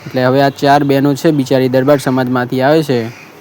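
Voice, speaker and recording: A man's voice: medium pitch, level tone, brisk, a little mellow, slight background noise. A man with a Gujarati accent, hosting a marriage bureau appeal, telling a story in an earnest, repetitive way and quoting the people who called him. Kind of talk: casual monologue appeal.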